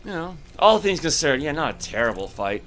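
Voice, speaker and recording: A man's voice: fairly high pitch, very animated, brisk, fairly bright tone, soft background music. A man casually commentating a game as he plays, thinking aloud and reacting to each turn. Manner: musing, thinks aloud while playing. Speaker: gameplay commentator. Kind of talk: casual let's-play commentary.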